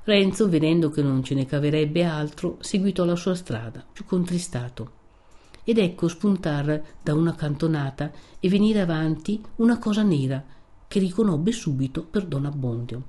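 A woman narrating a classic novel in a slow, measured audiobook reading. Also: sits low, expressive, mellow.

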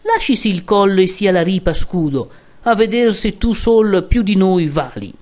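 A woman's voice: mid-range voice, animated, normal speed, darkish tone, close to an everyday voice. A woman voicing a defiant, taunting male devil in a recited epic poem.

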